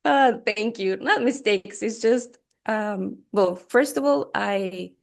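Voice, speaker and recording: A woman's voice: medium pitch, slow pace, gravelly. A middle-aged woman from Rica, chatting enthusiastically as a guest at a conference. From Costa Rica. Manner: enthusiastic, chatty, laughs easily. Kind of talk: conversational interview answer.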